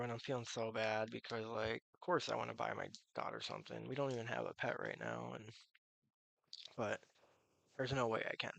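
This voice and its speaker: A man live streaming in casual, rambling chat, with slurred, toothless articulation and a halting, meandering way of talking. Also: mid-range voice, creaky, fairly bright tone, dry recording.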